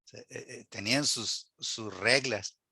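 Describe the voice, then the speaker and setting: A man's voice: mid-range voice, unhurried, sharp tone, husky, no room sound. A man teaching a Bible Hebrew class to a church group, earnest and full of rhetorical questions, quoting scripture aloud.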